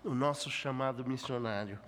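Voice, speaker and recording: A man's voice: mid-range voice, moderate pace, a bit bright, a little hiss or hum. A pastor in his fifties preaching a conference sermon, telling stories with humor and building to fervent emphasis. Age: 50s. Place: church hall. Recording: long reverb in a large hall.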